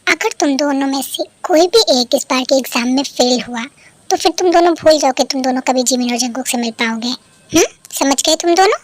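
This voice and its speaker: A woman's voice: high voice, fairly quick, no echo, voice pushed down, close to an everyday voice. A woman voicing a stern middle-aged father in a fan dub, lecturing and final, close dry mic.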